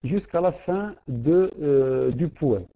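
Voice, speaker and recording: A man's voice: a little high, lively intonation, slow pace, mellow. A man teaching poetry in an online class, hesitant, often repeating words and saying euh. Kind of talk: online lesson. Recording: dull lo-fi audio.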